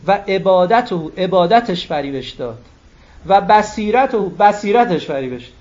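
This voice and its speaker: A man's voice: high-pitched, lively intonation, darkish tone. A man giving a religious sermon, emphatic, repeating key phrases and quoting Arabic texts. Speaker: cleric. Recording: dull lo-fi recording.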